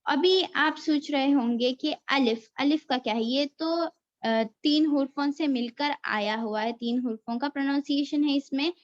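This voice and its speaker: A woman's voice: high voice, measured pace. A woman teaching letter reading, patiently explaining and drawing out each sound so students can follow. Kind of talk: slow explanatory lesson with drawn-out letter recitation. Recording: dull lo-fi recording.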